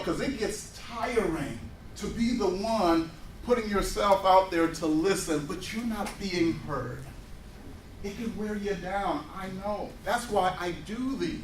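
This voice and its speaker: A high-voiced man in his 40s presents a workshop to an audience in a roomy indoor space, telling personal anecdotes and animatedly acting out dialogue. His voice is picked up from a distance, with a little hiss or hum.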